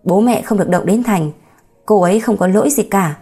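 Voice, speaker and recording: A woman's voice: medium pitch, a little fast, warm tone, slightly rough, soft background music. A woman voicing a remorseful young husband in an audiobook story, emotional and pleading. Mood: defiant.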